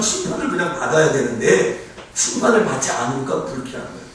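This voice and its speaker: A male pastor preaching a sermon in a church sanctuary, conversational and animated, often asking the congregation questions, recorded from far off in an echoey hall. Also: mid-range voice, slight background noise.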